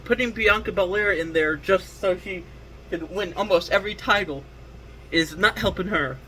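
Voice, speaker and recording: A man's voice: high voice, moderate pace, bright, forceful tone, slight background noise, poor audio. A man hosting his own wrestling talk show, giving casual solo commentary in a rambling way, correcting himself and restarting his sentences. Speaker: wrestling podcast host.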